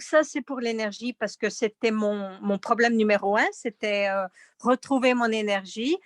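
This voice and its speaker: Casting: woman, high voice, dry sound, informal testimonial from a meeting participant. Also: no room sound. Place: online video meeting.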